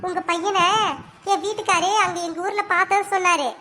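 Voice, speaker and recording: A woman voicing a young village wife who insistently brings news to her neighbour in an animated story. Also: very high voice, a little fast, a little hiss or hum. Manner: insistent, earnest. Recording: voice with loud music behind.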